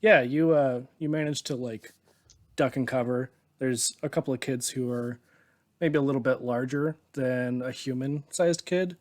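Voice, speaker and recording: A man running a tabletop game as game master, narrating scenes in a relaxed, descriptive way and chuckling often. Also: mid-range voice, moderate pace.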